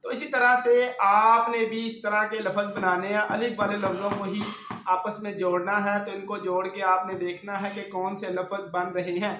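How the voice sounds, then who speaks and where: A man's voice: high-pitched, level tone, moderate pace, pushed and bright, a little hiss or hum. A man teaching a children's reading lesson, sounding out each letter and repeating every word for young learners. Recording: roomy, slightly dull recording.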